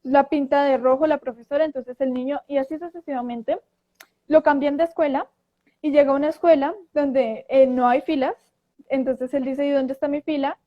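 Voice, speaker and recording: A woman telling a story in casual talk, animated and acting out quoted voices, with frequent restarts. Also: high voice, moderate pace. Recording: dull lo-fi audio.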